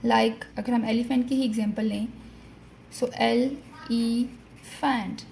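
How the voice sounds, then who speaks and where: Gravelly-voiced woman teaching phonics slowly. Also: on the high side, dark tone, a little hiss or hum. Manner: slow, deliberate, sounding out words syllable by syllable. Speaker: teacher presenting a parenting channel. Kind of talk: phonics lesson in mixed Urdu and English.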